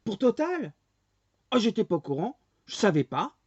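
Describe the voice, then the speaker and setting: In this angry monologue, a male vlogger in his forties rants to camera and pelts his audience with rhetorical questions. His voice is high-pitched and sing-song at normal speed, a little mellow and husky. The dull lo-fi recording is dry, with no room sound.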